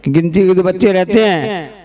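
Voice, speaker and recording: A man giving a sermon as a Jain preacher to a seated gathering, deliberate and emphatic, acting out the dialogue in his stories. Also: high-pitched, a crowd in the background. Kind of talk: sermon with storytelling.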